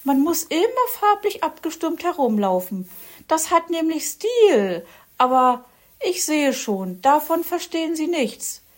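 A woman's voice: high voice, very animated, unhurried, pitched above the performer's own voice. Woman doing a vain prim magpie lady. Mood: affected. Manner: prim, affected, fussy. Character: vain chatty female magpie, fussy about style.

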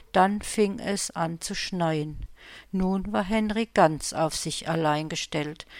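A woman reading her own Christmas story aloud, calm and unhurried. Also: lowish voice, no room sound.

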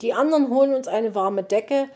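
A woman's voice: on the high side, a little fast, darkish tone, pitched above the performer's own voice, lightly acted. Woman doing a fussy little gnome. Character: small excitable male gnome.

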